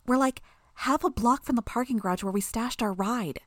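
A woman voicing a sly, fast-talking young female villain who needles and persuades, her voice pitched up. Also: no room sound, studio quality, close to an everyday voice. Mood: urgent.

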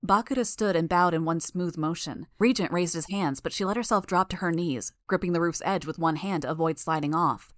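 A woman reading a first-person story aloud in a steady, measured way. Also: on the low side, no echo, studio quality. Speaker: audiobook narrator. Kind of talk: first-person audiobook narration.

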